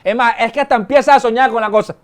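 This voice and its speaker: A middle-aged male pastor, preaching a sermon in a conversational way, with colloquial asides and sudden quick bursts. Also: very high-pitched, fairly even intonation. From Venezuela.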